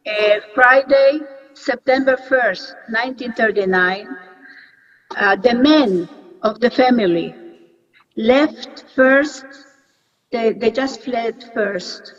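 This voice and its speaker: A woman in her eighties, born in Poland, recounting her childhood in a recorded interview, halting and restarting often. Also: on the high side, a bit bright. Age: 80s. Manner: halting, with many restarts and pauses. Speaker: Holocaust survivor interviewee. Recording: dull lo-fi video recording.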